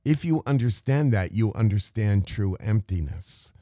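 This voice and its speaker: Slow, low-voiced man giving a meditation talk. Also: expressive, warm tone, no room sound, clean studio sound. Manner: measured, asks rhetorical questions. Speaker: meditation teacher. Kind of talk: contemplative spiritual talk.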